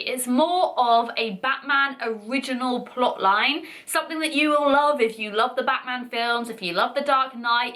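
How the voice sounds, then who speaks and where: A young woman presenting a video game review, her voice husky as she recovers from flu. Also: on the high side, pushed and bright. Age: young adult.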